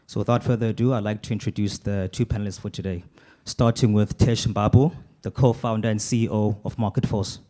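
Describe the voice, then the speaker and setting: Mellow low-voiced male moderator. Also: steady tone. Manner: formal, measured, reads from notes. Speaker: panel moderator. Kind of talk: scripted event introduction.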